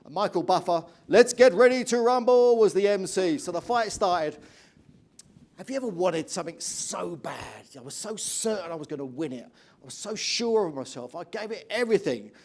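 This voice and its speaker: A middle-aged English man giving an energetic motivational keynote speech, telling stories and asking the audience questions. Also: high-pitched, normal speed, vocal fry. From England. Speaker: motivational speaker.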